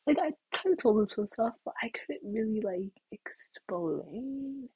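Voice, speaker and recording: A woman's voice: fairly high pitch, expressive, measured pace, darkish tone, slightly rough, dry recording, poor audio. A young woman telling a casual story to camera, chatty and full of "like", sometimes dropping into whispers. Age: young adult. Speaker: vlogger.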